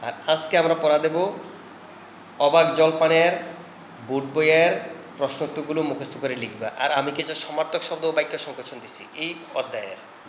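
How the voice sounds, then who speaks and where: A man's voice: on the high side, dull audio, slight background noise. Echoey Bangladeshi man dictating lessons. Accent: Bangladeshi Bengali. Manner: dictates word lists slowly, repeats items for students. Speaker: teacher. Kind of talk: recorded home-teaching lesson. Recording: echoey room with faint ambience.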